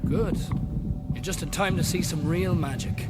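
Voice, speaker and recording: A man playing a defiant, power-hungry young brother dabbling in dark magic, with theatrical delivery in a video game. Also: on the high side, moderate pace, natural voice. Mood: smug, bitter. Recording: music over the voice.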